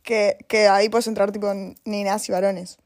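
A woman's voice: mid-range voice, flat delivery, darkish tone. A young woman with a Rioplatense Spanish accent, chatting casually in a rambling, giggly way full of fillers. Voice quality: giggly, bursts of laughter. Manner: fast, rambling, peppered with fillers. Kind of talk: casual chat.

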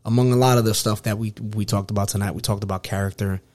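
Low-voiced, earnest man hosting a podcast. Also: fairly even intonation, darkish tone, no echo. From New York, United States. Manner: earnest, halting with repeated phrases. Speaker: podcast host. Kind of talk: casual podcast chat.

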